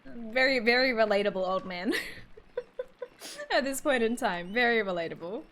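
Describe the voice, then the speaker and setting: A woman's voice: fairly high pitch, sing-song, measured pace, fairly bright tone, slight background noise. A young woman streaming a game, chatting, reading the game text aloud and joking with her viewers. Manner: chatty, reads game text aloud, jokes and reacts with alarm. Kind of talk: live game playthrough commentary.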